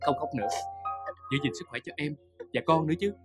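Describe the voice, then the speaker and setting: An actor playing a devoted young boyfriend with a Southern Vietnamese accent, soothing and reassuring. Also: male voice, a little high, expressive, brisk, over loud music, natural voice.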